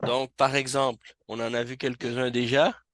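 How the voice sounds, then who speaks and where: A man teaching an Arabic reading class in a mosque, explaining slowly and patiently and repeating words so students catch the pronunciation. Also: medium pitch, flat delivery, a bit bright, no room sound.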